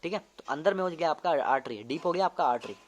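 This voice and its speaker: A man's voice: fairly high pitch, animated, fast, slight background noise. A young man, a medical student, casually teaching an anatomy lesson, demonstrating movements and often repeating terms to check understanding. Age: young adult.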